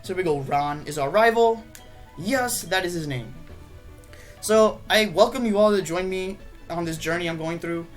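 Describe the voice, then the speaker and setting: A woman's voice: lowish voice, normal speed, faint music behind. A woman hosting a gaming channel, giving casual, rambling commentary full of fillers while she plays. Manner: rambling, chatty, with many fillers.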